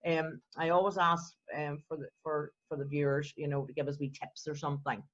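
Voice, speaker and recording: A woman's voice: deep voice, level tone, fairly quick. Woman host, bubbly and upbeat, dull lo-fi video-call sound. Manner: bubbly and enthusiastic, laughs easily. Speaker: interview show host. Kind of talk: casual interview. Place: home, over a video call.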